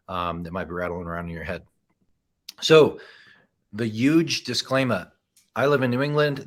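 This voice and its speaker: Brief: man in his thirties, fairly low voice, relaxed webinar presenter, chatty, tags lines with "right?". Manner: casual, frequent "right?" and "um" asides. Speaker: presenter and accounting firm owner. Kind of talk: conversational educational presentation.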